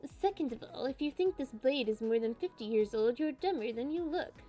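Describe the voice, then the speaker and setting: A woman's voice: high-pitched, animated, moderate pace, dark tone, soft background music. A woman voicing a condescending, bitter male antiques appraiser with a smug, patronizing manner.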